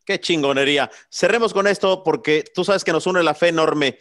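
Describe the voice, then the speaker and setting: A man's voice: a little high, moderate pace, fairly bright tone. A man from Mexico with a Mexican Spanish accent, hosting a boxing show interview in a chummy, religious way, with slang and swearing. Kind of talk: casual interview.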